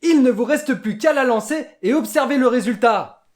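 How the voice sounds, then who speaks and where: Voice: medium pitch, expressive, normal speed, very noisy, lightly acted. Un interprète qui prête sa voix à une joyeuse mascotte de laboratoire non humaine, à l'français, qui présente un jouet scientifique avec entrain. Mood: explaining. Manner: bubbly, exclamatory, instructional. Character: cheerful nonhuman lab mascot calling viewers humans. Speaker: toy demonstrator. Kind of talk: scripted toy presentation.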